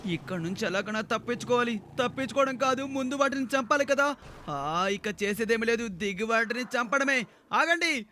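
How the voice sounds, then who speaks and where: A man giving theatrical, excitable commentary on a game video aimed at children. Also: extremely high pitch, a little fast, a little hiss or hum. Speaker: gaming video narrator.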